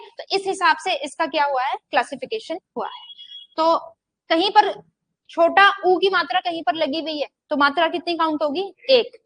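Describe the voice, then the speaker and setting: A woman's voice: very high voice, a bit bright, no room sound. A young woman giving a Hindi grammar lecture, often asking a question and answering it herself, and stretching vowels out to show how long they last. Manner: asks the class questions and answers them herself, repeating "ठीक है". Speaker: Hindi teacher. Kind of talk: classroom lecture.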